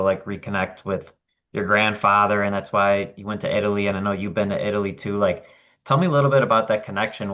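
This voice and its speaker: A man's voice: on the low side, fairly bright tone, muffled recording. A man hosting a casual interview, asking eager, stacked follow-up questions. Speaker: host.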